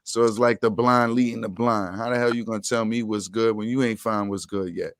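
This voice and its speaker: A middle-aged man hosting a casual online chat over a video call, talking in a relaxed, slangy way. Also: fairly low pitch, a little fast, no echo, studio quality. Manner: relaxed, slangy everyday speech. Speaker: podcast host.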